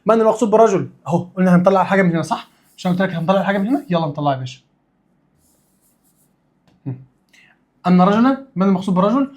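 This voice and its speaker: A man's voice: sits high, animated, rapid-fire, pauses often, a little mellow. A man with an Egyptian accent teaching a religious studies lesson, drilling students with repeated questions and answers and casual, playful asides. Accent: Egyptian Arabic.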